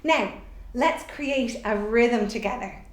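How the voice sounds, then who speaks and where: A middle-aged woman whose voice sits on the high side speaks at a slow pace, leading warm-up exercises for a children's theatre workshop video. She explains simply and offers encouragement throughout. She's recording in an echoey, bare room indoors at home.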